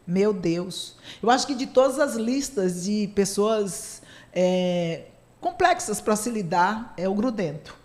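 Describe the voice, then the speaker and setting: A woman's voice: mid-range voice, expressive, slow, darkish tone. A woman, a psychotherapist hosting a casual radio talk, chatty and playfully sarcastic, laughing often.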